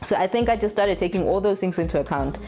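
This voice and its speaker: A woman's voice: mid-range voice, lively intonation, fast talker, over music. A young adult woman talking casually to camera in a candid, blunt way, swearing freely. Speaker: vlogger.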